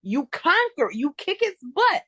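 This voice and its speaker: A woman with a somewhat high voice coaches her listener through motivational advice in a casual interview. She leans on repetition and restarts her phrases as she builds a point. The sound is dry and close, with no room echo. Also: very animated, a little slow, bright, forceful tone.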